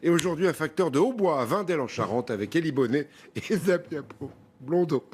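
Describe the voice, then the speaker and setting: A man anchoring a TV news programme, introducing reports in a relaxed, amused tone. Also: a little high, fairly quick, heavy background noise. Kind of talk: news presenting.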